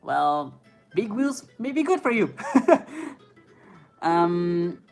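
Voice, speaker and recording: A high, sing-song voice with drawn-out words and vocal fry belongs to an inline skating streamer from France, a native French speaker with a French accent. He reads chat questions aloud live, stumbling over fillers and laughing often, with faint music behind his phone recording.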